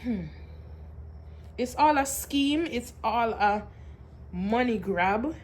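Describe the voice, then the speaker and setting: A young woman vlogging at home, telling her story in an animated way with sighs and laughs, and sounding tired. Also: fairly high pitch, takes it slowly, a little hiss or hum. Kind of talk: casual venting vlog.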